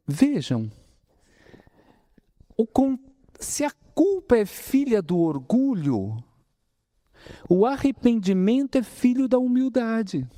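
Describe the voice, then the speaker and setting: A man's voice: extremely high pitch, dry recording, clean studio sound. Brazilian guy preaching at a spiritist center, voice jumps up and down a lot, keeps asking the crowd stuff. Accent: Brazilian Portuguese, São Paulo interior. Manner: lively preaching, addresses audience as brothers, asks rhetorical questions. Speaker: spiritist lecturer. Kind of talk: spiritist lecture.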